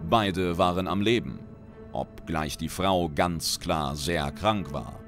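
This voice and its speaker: Deep-voiced man narrating a dark tale. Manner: measured, dramatic storytelling. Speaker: reader and lore commentator. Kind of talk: reading a fantasy short story aloud. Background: background music.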